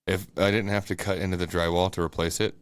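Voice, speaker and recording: A man's voice: low voice, level tone, fast talker, no room sound. A man co-hosting a casual home podcast, talking bluntly and swearing often. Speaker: podcast co-host. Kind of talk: casual chat. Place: home room above a bathroom.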